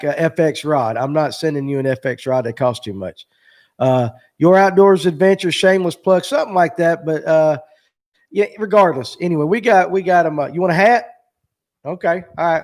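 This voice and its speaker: A man in his forties hosts a casual fishing chat. His voice sits a bit high, and he rambles and jokes with plenty of fillers. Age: 40s. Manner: rambling, joking, lots of fillers. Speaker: show host. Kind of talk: casual live-stream chat.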